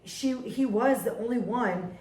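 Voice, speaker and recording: A woman co-hosting a podcast in a casual book chat. She is giggly and animated and talks in quick bursts. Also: on the high side, reverberant, low-quality recording. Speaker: podcast co-host.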